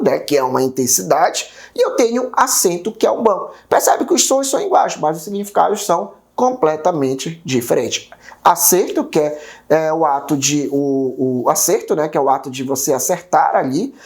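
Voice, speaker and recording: Lively gravelly Brazilian male teacher. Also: fairly high pitch, moderate pace. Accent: Brazilian Portuguese. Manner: explanatory, constant tag questions. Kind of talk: exam-prep video lesson.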